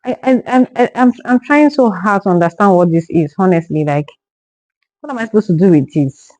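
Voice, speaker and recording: A woman's voice: medium pitch, lively intonation, fairly quick, a little mellow, muffled recording. A young woman from Nigeria reviewing a haul to camera in casual talk, exasperated and stumbling over repeated words when upset. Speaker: vlogger.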